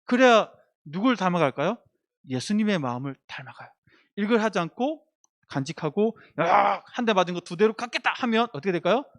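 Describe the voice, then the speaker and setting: A man's voice: high voice, expressive, fairly quick, a bit bright. A middle-aged man, a pastor giving a children's sermon, who asks the children questions and leads them in reading aloud and prayer.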